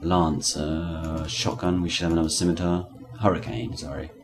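A man's voice: low-pitched, little pitch movement, moderate pace, noisy background. A man giving casual, sweary, joking commentary while he plays a video game. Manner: sweary, joking running commentary with sudden silly voices. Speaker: gamer playing and commenting. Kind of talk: casual let's-play commentary. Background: game music.

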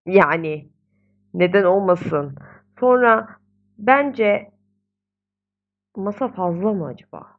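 A woman's voice: mid-range voice, expressive, slow, pauses often, narrow, tinny audio. Chatty, exasperated woman narrating her gameplay. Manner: chatty, exasperated, coos at the game babies. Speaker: gaming video host. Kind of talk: casual gameplay commentary.

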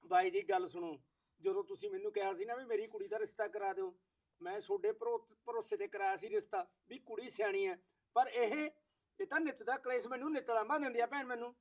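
A man playing a fast-talking blunt matchmaker. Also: high-pitched. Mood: admonishing. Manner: blunt, admonishing. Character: blunt matchmaker settling a family dispute.

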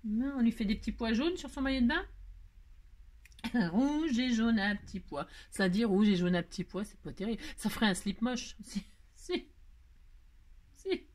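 A woman's voice: on the high side, moderate pace, darkish tone. Chatty, muttering French woman crafting. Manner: muttering, self-talking, exasperated asides and little laughs. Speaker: craft tutorial host. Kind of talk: chatty hands-on crafting tutorial.

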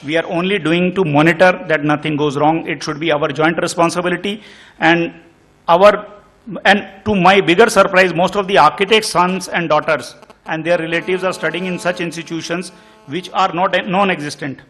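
A man's voice: a little high, steady tone, normal speed, a bit bright. A middle-aged man with an Indian English accent, speaking earnestly as a panelist at a conference table mic, often restarting his sentences. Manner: earnest, concerned, many restarts. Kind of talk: panel discussion remarks. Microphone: table microphone on stand.

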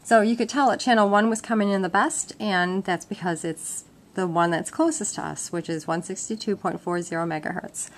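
Speaking at a moderate pace in a mid-range voice, a woman instructor walks through a casual demonstration step by step, informally explaining as she goes. She's indoors at a wooden table at home. A handheld camera microphone picks her up, and the home-video audio is noisy and full of clicks.

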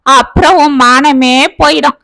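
A woman voicing a young man, a rough-voiced blackmailer who talks in a mocking, taunting way. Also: high-pitched, measured pace, sharp tone, no room sound, heavily acted.

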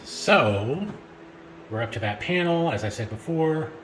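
A man's voice: fairly high pitch, lively intonation, measured pace, fairly bright tone, echoey room, a little hiss or hum. Middle-aged man explaining a garage project. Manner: plain step-by-step explaining with fillers. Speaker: DIY home improvement vlogger. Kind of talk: casual how-to narration. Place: large garage, indoors. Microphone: camera on tripod, across the garage.

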